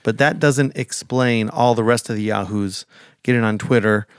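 A man co-hosting a podcast in casual chat, making measured, reasoned remarks. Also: lowish voice, steady tone, clear, resonant tone, dry recording, clean studio sound. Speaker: podcast co-host.

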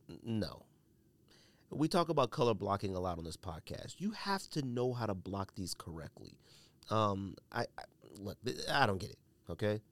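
A fairly low male voice, recorded with no room sound. He's a podcast host under the weather, coughing and sneezing as he gives blunt, emphatic, opinionated commentary in a casual tone, repeating himself for emphasis.

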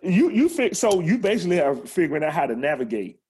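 A man's voice: on the high side, sing-song, fast, darkish tone, slight background noise. A man interviewing in a casual chat, mostly giving short affirming replies.

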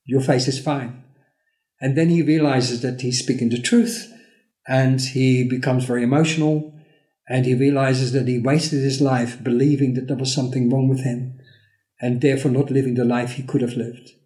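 A man co-hosting a podcast, slowly telling a parable and acting out the characters' lines. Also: mid-range voice, steady tone, dark tone, reverberant. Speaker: podcast co-host. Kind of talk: storytelling in a podcast conversation.

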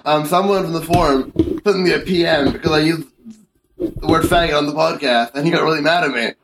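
A man's voice: a little high, a little fast, noisy background. A man joking around in a casual podcast chat.

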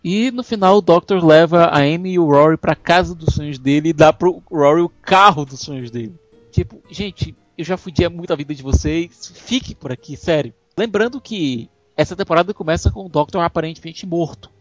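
A woman's voice: fairly low pitch, a little fast, no echo, faint music behind. A woman co-hosting a podcast, casually recapping TV episodes with restarts and laughs. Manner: summarizing plot with laughs and restarts. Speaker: podcast co-host. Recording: dull dry recording.

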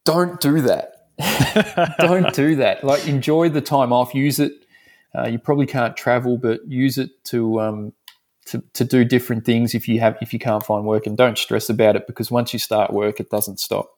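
An Australian man talks as a guest in a relaxed interview. His voice sits at a middle pitch, and he tells his stories frankly, piling up restarts as he goes. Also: moderate pace. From Melbourne, Australia. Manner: frank, rambling storytelling. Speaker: dentist guest. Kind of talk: casual interview chat.

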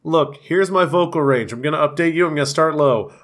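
A man's voice: fairly high pitch, fairly quick, a bit bright. Dry-joking young man, voice worn. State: recovering from laryngitis, voice worn. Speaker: podcast co-host. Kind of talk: casual comedic chat.

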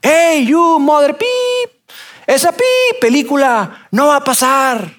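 A man voicing a hostile, resentful young local who shouts bleeped curses from a distance. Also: high voice, sing-song, fast. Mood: shouting. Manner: shouting from afar, bleeped cursing.

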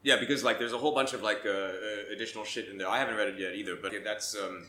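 A man co-hosting a loose podcast chat, his voice very bright and cutting. He is enthusiastic, swears freely and giggles often. His voice carries a roomy echo. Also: lowish voice, steady tone, very fast, a little hiss or hum. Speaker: podcast co-host.

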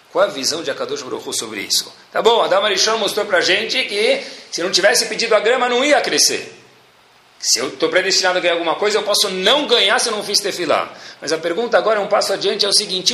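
A man's voice: on the high side, vocal fry, slight background noise. A man giving a storytelling religious lesson, acting out the voices in the stories he tells. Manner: animated storyteller acting out quotes. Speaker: religious teacher.

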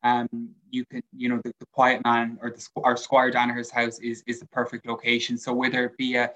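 A man's voice: medium pitch, monotone, a little fast, fairly bright tone, poor audio. A man with a west of Ireland accent speaking as an interview guest in a conversational way, often repeating words as he goes. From County Mayo, Ireland. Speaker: hotel sales executive, interview guest.

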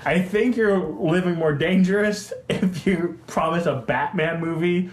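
A man in casual movie chat, playful and jokey, slipping into quick character voices. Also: fairly high pitch, roomy sound.

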